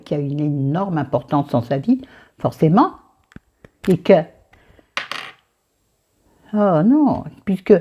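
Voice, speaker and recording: A woman with a lowish voice and a southern French accent vlogs about books, chatting casually while she applies makeup at her dressing table. The recording, made by a camera facing her mirror, sounds muffled. She rambles, strays from the point and talks to herself.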